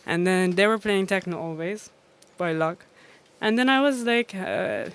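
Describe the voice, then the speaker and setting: A woman DJ chats through an interview. Her voice is smooth and resonant, and she laughs often as she tells her stories, with plenty of ums and uhs along the way. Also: mid-range voice, animated, measured pace. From Iran. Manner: laughs often, storytelling with many fillers. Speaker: DJ and guest. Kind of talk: casual interview.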